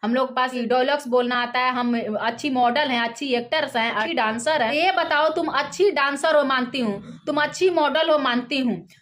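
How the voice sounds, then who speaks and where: A woman's voice: high voice, moderate pace, hardly any pauses, a bit bright. A woman singer, giving heated, scolding gossip commentary in a vlog. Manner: scolding, indignant, mocks with quoted voices.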